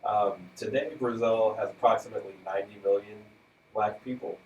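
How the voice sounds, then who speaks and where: A man's voice: lowish voice, brisk, roomy sound, distant mic, highs cut off, slight background noise. A man co-hosting a radio talk show, casually presenting facts with fillers and light chuckles. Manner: relaxed, fact-reciting with fillers and light chuckles.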